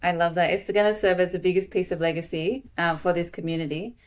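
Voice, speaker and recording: A woman hosting a podcast in casual, enthusiastic chat with quick asides. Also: fairly low pitch, fairly even intonation. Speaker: podcast host.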